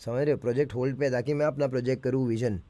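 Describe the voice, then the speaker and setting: A man's voice: mid-range voice, fairly even intonation, very fast, mellow. A man, breaking down his own rap lyrics in a casual way and often checking that the listener follows. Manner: keeps checking the listener understands, mixes English phrases into Hindi. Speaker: rapper explaining his lyrics.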